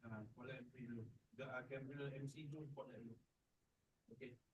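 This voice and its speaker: A man's voice: medium pitch, steady tone, a little fast, dull audio. Male coordinator, Malaysian accent. Casual, off-mic instructions with light hiss. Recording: quiet, distant mic with hiss.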